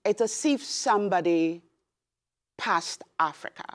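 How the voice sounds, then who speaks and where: A woman's voice: on the low side, unhurried. A woman from Nigeria, a beer importer, speaking as a guest in an interview and acting out conversations as she tells her story. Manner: expressive storyteller, acts out dialogue.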